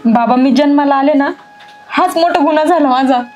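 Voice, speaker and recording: A woman's voice: high voice, normal speed, darkish tone, a little hiss or hum, close to an everyday voice. An actress playing a mistreated young stepdaughter, crying and pleading with her father, with faint music behind. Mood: tearful. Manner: tearful, pleading. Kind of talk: village drama acting.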